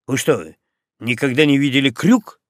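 A man voicing a calm, matter-of-fact young ship's boy who muses on human qualities. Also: mid-range voice, normal speed, no echo, studio quality, natural voice.

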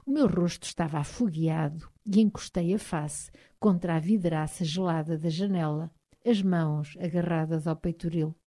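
A woman with a European Portuguese accent narrating a novel in measured tones, sometimes dropping to a hush. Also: low-pitched. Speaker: audiobook narrator.

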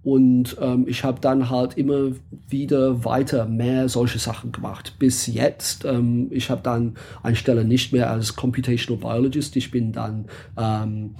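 A man's voice: mid-range voice, little pitch movement, unhurried, vocal fry, dark tone, slight background noise. A man from England with an English accent, a guest in a casual interview, speaking hesitantly with many fillers and searching for words.

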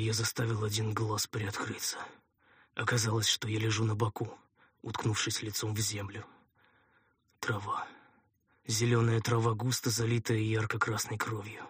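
A man narrating a fantasy audiobook in the first person with a measured, dramatic reading. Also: fairly low pitch, breathy edge, no echo, clean studio sound.

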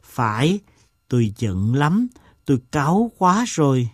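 A man reading a story aloud, voicing an eccentric, self-mocking gentleman who tells a long tale in a slow, deliberate way. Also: medium pitch, sing-song, breathy edge, dry recording, studio quality, full character voice. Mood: wry.

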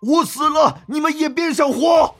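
A man voicing a desperate adult male fighter who yells in a strained, raised voice. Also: extremely high pitch, lively intonation, moderate pace, faint music behind, pitched above the performer's own voice, full character voice. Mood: reckless. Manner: strained, yelling.

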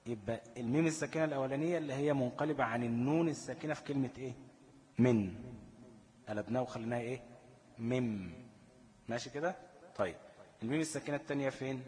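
A man's voice: mid-range voice, a little mellow, big-room sound, slight background noise. Egyptian man teaching recitation rules. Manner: asks the listener questions and answers them himself, chants verse examples slowly. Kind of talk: tajweed lesson in colloquial Egyptian Arabic.

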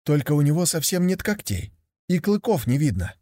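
A man doing a high, eager young tiger. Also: very animated, moderate pace, mellow, dry recording. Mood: wondering. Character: young male tiger, naive and hot-headed.

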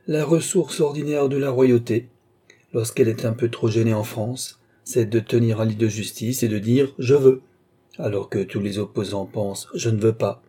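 A man voicing a sly, scheming courtier duke who speaks in measured hints, in an audiobook reading. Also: medium pitch, fairly even intonation, warm tone, breathy edge, lightly acted.

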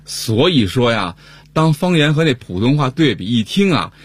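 一位男主持人用闲聊的方式说着广播段子，嗓音微哑。. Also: male voice, mid-range voice, big pitch swings, normal speed, slightly rough. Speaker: radio show co-host. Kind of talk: scripted casual chat with jokes.

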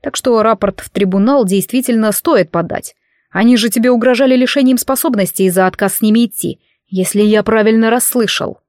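Woman doing a calm werewolf guy, steady and protective, dry close sound. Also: fairly high pitch, fairly quick, no room sound, close to an everyday voice.

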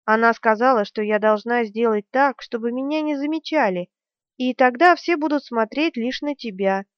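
A woman's voice: fairly high pitch, normal speed, no room sound, natural voice. A woman voicing a crazed, whimpering sorceress who pleads in broken grammar, in an audiobook reading. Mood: pleading. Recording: dry, dull lo-fi recording.

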